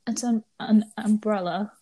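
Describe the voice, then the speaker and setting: A woman co-hosting a casual podcast, speaking on an earbud headset mic with soft, agreeable interjections. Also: medium pitch, steady tone, measured pace, dry recording. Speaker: podcast co-host. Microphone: wired earbud headphones mic.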